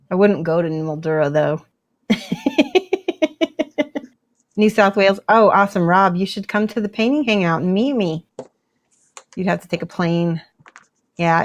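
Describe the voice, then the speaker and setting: A woman's voice: on the low side, muffled recording. Woman chatting on a painting stream, laughs a lot, restarts words. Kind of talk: casual chat while painting on a livestream.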